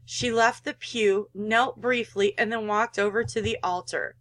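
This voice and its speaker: A woman's voice: mid-range voice, fairly even intonation, unhurried, fairly bright tone, rough recording. A woman hosting a gaming video, reading a visual novel aloud and reacting with emotional investment. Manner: emotionally invested, protests to the game. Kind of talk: read-aloud narration with personal reactions.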